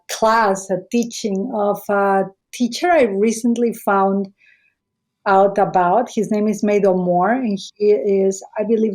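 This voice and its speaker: This podcast host is a middle-aged Mexican-accented woman whose first language is Spanish, and her voice is medium in pitch and a little mellow. She opens the show with a casual, chatty introduction, talking effusively and wandering off on tangents.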